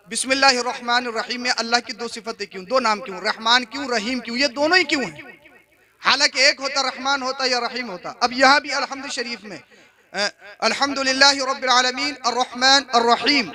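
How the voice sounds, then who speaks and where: A man preaching a religious sermon who repeats his phrases and builds to impassioned shouting. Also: very high-pitched. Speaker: Islamic preacher. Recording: live event with crowd behind.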